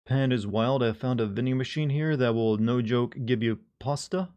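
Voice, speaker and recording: A man's voice: medium pitch, moderate pace, darkish tone, clean tone, highs cut off. A man giving casual gameplay commentary as a streamer, rambling along in a wry way. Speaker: game streamer.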